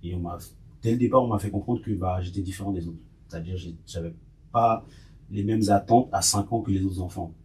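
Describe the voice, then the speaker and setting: A man's voice: sits low, brisk, darkish tone. A man in his thirties from Côte d'Ivoire, a podcast guest, speaking reflectively and repeating himself. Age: 30s. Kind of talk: conversational testimony.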